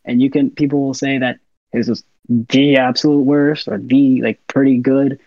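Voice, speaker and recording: A young man, a university student, chatting as an interview guest, soft-spoken and quick to laugh as he acts out little scenes. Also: medium pitch, flat delivery, no room sound, lo-fi sound. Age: young adult. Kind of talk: casual interview chat.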